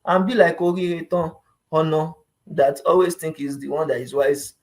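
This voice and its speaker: A man with a Nigerian accent and a fairly high, fairly even voice gives advice at a moderate pace as a vlogger, explaining informally. He sounds conversational and emphatic, often repeating a phrase for weight and checking that the listener understands.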